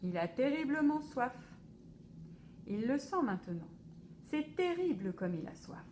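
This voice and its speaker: Une femme lit à voix haute un album pour enfants, lentement et avec beaucoup d'expression. Sa voix est assez aiguë, avec un léger bruit de fond dans l'enregistrement. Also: female voice, sits high, slight background noise. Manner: slow, expressive storytelling. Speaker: library storyteller. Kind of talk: children's book read aloud.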